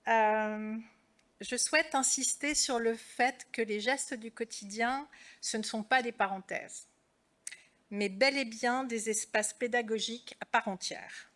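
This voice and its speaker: Higher-pitched woman giving a measured conference talk. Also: a bit bright. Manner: measured, structured delivery. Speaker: clinical psychologist and trainer. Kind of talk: conference presentation.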